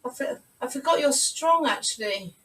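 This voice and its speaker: A Pilates instructor on a video call from home leads a live online class, cheering her students on and counting out the reps. She has a high-pitched, fairly bright voice with lively intonation at a moderate pace, heard through roomy, distant audio.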